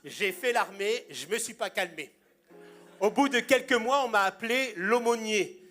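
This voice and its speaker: A man's voice: sits high, moderate pace, fairly bright tone, faint music behind. A man in his sixties, a pastor preaching a sermon in a church and telling humorous anecdotes with punchlines.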